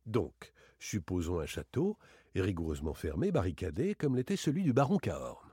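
A man voicing a playful, boastful gentleman thief in a dramatic audiobook reading, teasing and theatrical. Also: sing-song, normal speed, husky, dry recording, clean studio sound, full character voice. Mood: mocking, boastful. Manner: teasing, theatrical, swings between bright exclamations and low asides.

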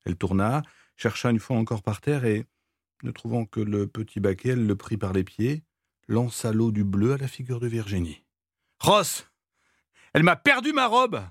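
A man's voice: lowish voice, breathy edge, no room sound, studio quality. Man reading a novel aloud expressively. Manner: measured, expressive storytelling. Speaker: reader.

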